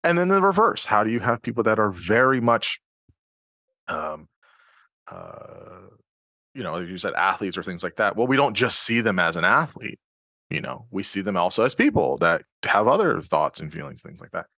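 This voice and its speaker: A man's voice: fairly low pitch, sing-song, moderate pace, sharp tone, no echo, studio quality. A man hosting a podcast interview, thinking aloud with many fillers and restarts. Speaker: podcast host. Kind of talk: conversational interview.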